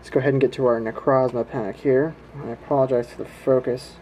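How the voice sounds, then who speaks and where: Mellow, laid-back man chatting casually. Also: medium pitch, steady tone, fast talker, a little hiss or hum, poor audio. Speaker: host of a trading card pack-opening video. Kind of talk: casual running commentary while opening card packs. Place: indoors at home, hands at a table.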